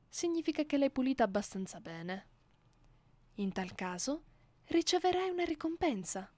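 In an ASMR roleplay, a woman with an Italian accent plays a haughty, seductive vampire mistress commanding her captive. She speaks softly, slowly and condescendingly at a medium pitch, teasing and often slipping into whispers, close to a studio mic with no echo.

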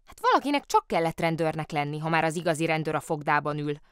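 A cheeky, good-natured storybook bear who plays at being a policeman, put on by a woman reading aloud. His voice swings lively up and down as he talks his way out of trouble with innocent excuses. The studio sound is close and dry. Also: sits low, clear, resonant tone, no room sound. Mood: cheerfully innocent. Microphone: studio microphone.

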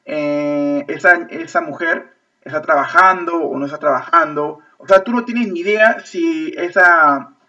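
Peruvian guy teaching an online class, high bright voice, keeps checking everyone's following, sounds far off and lo-fi. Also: measured pace. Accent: Peruvian Spanish. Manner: repetitive, checks understanding with constant "ok?". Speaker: English teacher. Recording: distant, lo-fi video-call audio.

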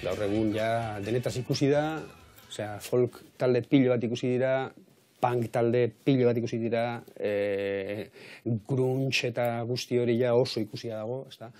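A man of medium pitch gives a relaxed interview answer. He talks loosely and keeps searching for the right word. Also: moderate pace, soft background music. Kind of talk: casual interview talk.

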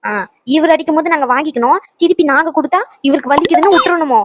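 A woman's voice: high voice, racing, background noise, lightly acted. A woman doing a scolding old cartoon grandma. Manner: scolding, threatening. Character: feisty old grandmother, sharp-tongued mother-in-law.

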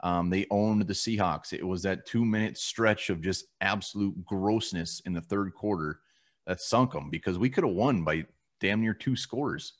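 Over a video call from a room at home, a man co-hosts a casual postgame sports fan show, running through stats bluntly and swearing casually. His voice sits low, and he talks at a normal speed.

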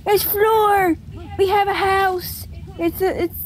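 Very high-voiced woman, squealy and giggly, unhurried talk, faint background noise. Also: fairly even intonation. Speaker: gaming channel co-host. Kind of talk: casual gaming chatter.

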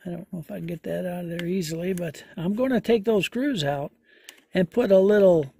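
A man doing a hands-on repair walkthrough outdoors, talking slowly and folksily with many fillers as he thinks aloud. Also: high voice, creaky, dark tone, slightly rough. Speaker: homesteader vlogger. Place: outdoors in a yard.

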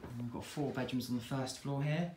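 A brisk English man with a mid-range voice leads a property walk-through of a detached house and back garden in the easygoing, plain manner of an estate agent. A handheld phone camera picks up his chatty patter along with a faint background hiss.

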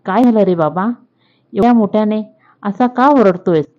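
A woman voicing a kindly old male mountain in a children's story, in a warm, fatherly manner. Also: mid-range voice, moderate pace, natural voice. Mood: welcoming. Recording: tinny phone-like audio.

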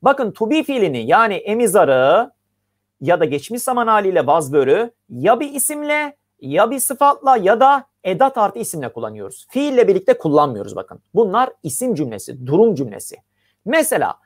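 Lively-voiced teacher explaining grammar. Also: medium pitch. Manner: reads English examples slowly, then translates each into Turkish; explains step by step, asking the class questions. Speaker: English teacher. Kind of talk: online grammar lesson over slides.

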